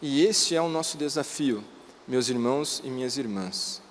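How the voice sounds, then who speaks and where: A man preaching a sermon, telling stories in plain, animated, conversational words. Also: mid-range voice, moderate pace, in a large hall, a little hiss or hum. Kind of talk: storytelling sermon. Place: church.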